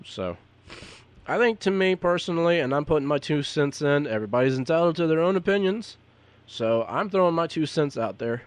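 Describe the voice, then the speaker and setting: A man's voice: on the high side, animated, a little fast, no room sound. A man who is a podcaster and DJ, talking unscripted and giving advice to other podcasters in a rambling, repetitive, earnest way. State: hiccups.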